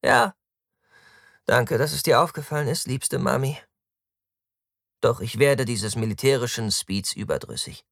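A man's voice: medium pitch, lively intonation, a little slow, creaky, long pauses, a bit bright, dry recording, studio quality, pitched above the performer's own voice, exaggerated voice. A man voicing a careless, drug-loving young nobleman who drawls and mocks theatrically, in an audiobook. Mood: mocking.

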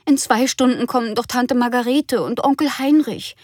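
Female reader voicing a busy, hurried mother, lifted pitch. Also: a little mellow, no room sound, clean studio sound, close to an everyday voice.

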